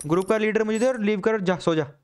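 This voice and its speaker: High-voiced man teasing friends on stream. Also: fast, darkish tone, smooth. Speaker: live-streaming gamer. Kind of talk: casual banter over voice chat while gaming.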